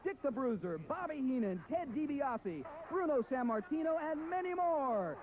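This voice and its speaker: High-pitched male infomercial pitchman. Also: a little mellow, a little hiss or hum, rough recording. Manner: ring-announcer style salesmanship. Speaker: commercial announcer.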